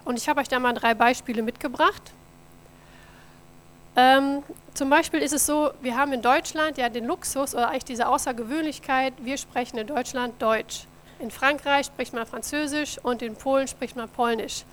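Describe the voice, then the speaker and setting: German woman talking to a church crowd about mission work, kinda high voice, faint hum in the background. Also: fairly even intonation, moderate pace, fairly bright tone. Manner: friendly, addresses audience directly. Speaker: missionary office coordinator. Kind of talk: church mission report with slides.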